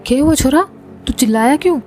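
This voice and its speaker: A woman voicing a caring village mother, soothing and hushing. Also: high-pitched, quick pace, faint music behind, pitched above the performer's own voice, natural voice. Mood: calling.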